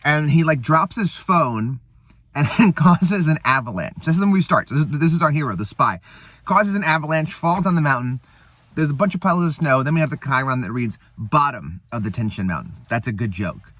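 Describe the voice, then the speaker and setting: A man's voice: fairly high pitch, animated, fairly quick, a bit bright, dry recording. A man hosting a casual eating show, rambling and laughing as he retells a movie between bites. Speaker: host. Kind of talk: casual chat.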